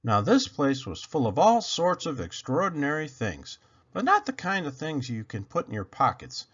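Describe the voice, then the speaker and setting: With a fairly high, somewhat bright and husky voice, this storyteller channel host reads a picture book to kids at normal speed. His pitch swings hugely as he dramatizes the text and questions his audience, all captured in dull lo-fi audio.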